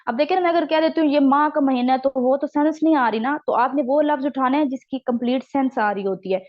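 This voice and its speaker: A high-voiced woman from Pakistan teaches a recorded exam-prep lecture. She explains each point slowly and keeps checking that her students follow. The sound is dull and lo-fi.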